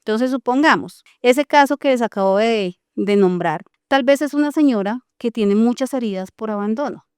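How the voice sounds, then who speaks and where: Smooth, clear-voiced woman podcaster. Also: on the high side, normal speed, no room sound, clean studio sound. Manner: explains calmly, acts out parent and child lines. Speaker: psychologist host. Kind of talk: podcast conversation.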